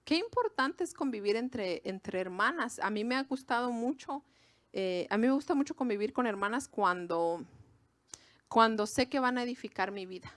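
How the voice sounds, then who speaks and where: Woman preacher, Mexican accent, raised pitch, conversational sermon, asides to the audience. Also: expressive, normal speed, fairly bright tone, no echo. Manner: conversational, with restarts and asides to the listeners. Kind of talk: informal sermon to a women's gathering.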